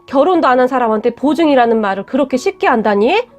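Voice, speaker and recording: A woman's voice: high-pitched, expressive, fast talker. A woman voicing a stern parent who talks seriously and reproachfully. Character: stern worried parent of the bride.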